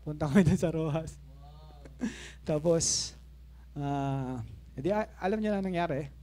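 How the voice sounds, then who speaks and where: Man, fifties, pastor, high voice, animated sermon storytelling, laughing asides. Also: a little slow. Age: 50s. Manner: animated, laughing asides, shifts from soft to shouting.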